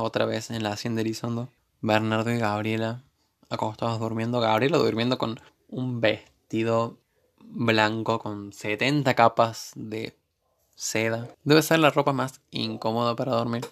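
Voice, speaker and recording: Argentine male reviewer with a gravelly voice, recapping episodes in a wry, joking tone. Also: mid-range voice, steady tone, moderate pace, fairly bright tone. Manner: sarcastic, joking asides. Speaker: TV series reviewer. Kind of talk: casual recap commentary.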